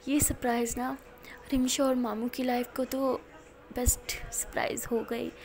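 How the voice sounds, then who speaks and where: A woman plays a hot-tempered young college woman who scolds sharply but loves deeply. The voice sits high with a gravelly rasp, as in a spoken storybook romance. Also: flat delivery, unhurried, darkish tone. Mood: teasing.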